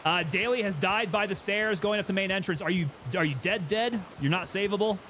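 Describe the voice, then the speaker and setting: A man's voice: high-pitched, fairly quick, pushed and bright, a little hiss or hum. A man giving casual gameplay commentary, thinking aloud and chatting with teammates as he plays. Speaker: gaming streamer.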